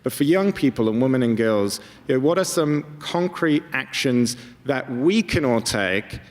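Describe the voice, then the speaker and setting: Male panel moderator, mid pitch, brisk and upbeat, live event hall. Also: expressive.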